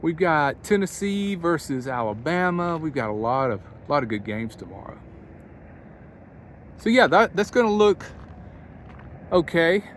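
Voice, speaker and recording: A man's voice: big pitch swings, measured pace, long pauses. A man narrating a casual do-it-yourself vlog, thinking aloud in a folksy way as he works outdoors. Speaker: vlogger. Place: outdoors beside a van near a highway, windy. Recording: wind and highway noise outdoors. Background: wind and interstate traffic.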